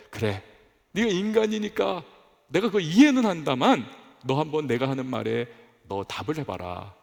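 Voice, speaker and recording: A man voicing God as a stern, all-knowing figure who asks slow, commanding questions. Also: fairly high pitch, gravelly, a little mellow, voice pushed down. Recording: echoey church hall.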